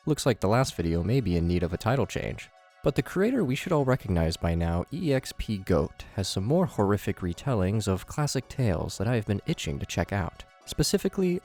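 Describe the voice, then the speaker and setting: Over background music, a man narrates scripted horror commentary as the video's host, using a theatrical presenter style and dropping wry asides. His voice is fairly low and a little mellow.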